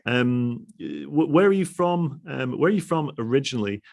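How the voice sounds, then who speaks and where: A man's voice: medium pitch, lively intonation, creaky, a little mellow. A man hosting a podcast interview, talking casually with many restarts. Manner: halting, many restarts and "you know". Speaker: podcast host.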